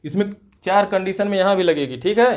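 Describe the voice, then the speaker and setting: Speaking a little fast, a high-voiced male teacher runs a call-and-response classroom lecture drilling grammar rules. He goes step by step and repetitively, constantly checking that students understand with tags such as "right?".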